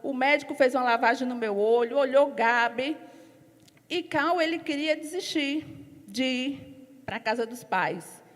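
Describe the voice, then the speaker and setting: A woman giving her testimony in a church service, telling her story lively, acting out what others said, and growing loud and emphatic as she preaches. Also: high-pitched, measured pace. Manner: storytelling, acts out other people's lines in quotes. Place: church hall. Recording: long hall reverb.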